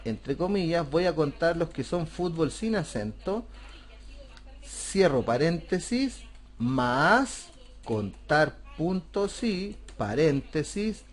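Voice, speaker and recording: Man, teacher, patient step-by-step explaining, slightly high voice, desk mic. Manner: patient, step-by-step explaining, asks rhetorical questions. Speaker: computer class teacher. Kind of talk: screen-recorded software tutorial.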